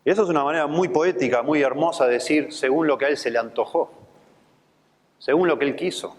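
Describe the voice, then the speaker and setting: Speaking fairly quickly in a voice on the high side, this Rioplatense-accented pastor in his fifties tells a personal anecdote within his sermon, echoing through a large church hall. He preaches like a conversational storyteller, performing the voices of those he quotes.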